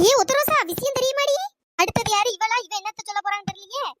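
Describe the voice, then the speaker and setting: Chipmunk-high gossiping women. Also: a little hiss or hum. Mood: gossipy. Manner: excited, gossipy, rapid chatter. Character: chattering gossiping village women neighbours. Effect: sped-up high-pitched cartoon voice.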